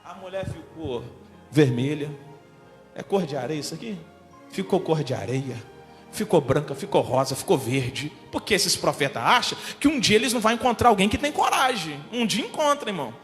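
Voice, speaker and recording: A man preaching as a church pastor, telling a story in an emphatic, animated way, with a Brazilian Portuguese accent. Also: fairly high pitch, normal speed, in a large hall, faint music behind. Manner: emphatic and animated, builds to shouting. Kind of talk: sermon told as a personal story. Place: church hall.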